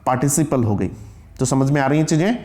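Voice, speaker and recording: A man's voice: mid-range voice, lively intonation, fast, mellow. A middle-aged man teaching English grammar, asking questions and reading example sentences word by word. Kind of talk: classroom lecture.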